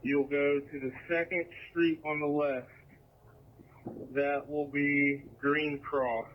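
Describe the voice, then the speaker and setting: A man's voice: fairly high pitch, little pitch movement, takes it slowly. A man acting as fire incident commander, giving clipped, businesslike calls over a two-way scanner radio. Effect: heard over a two-way scanner radio. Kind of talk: emergency radio traffic. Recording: muffled scanner radio transmission.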